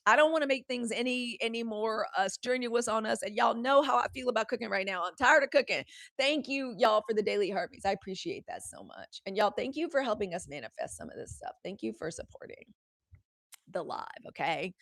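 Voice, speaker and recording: Brief: woman in her forties, live-stream host, lively and candid, talks to viewers, dry close sound. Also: a little high, brisk, gravelly, dry recording. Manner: animated, chatty, talks straight to viewers. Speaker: host of a live news show. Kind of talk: casual live-stream commentary.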